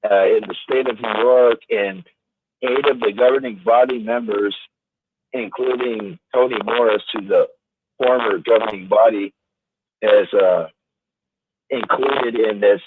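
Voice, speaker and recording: A man's voice: on the low side, fairly even intonation, unhurried, long pauses. A man calling into a talk show over a crackly, static-filled phone line, hesitant and searching for words. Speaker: caller. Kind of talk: call-in chat. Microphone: telephone.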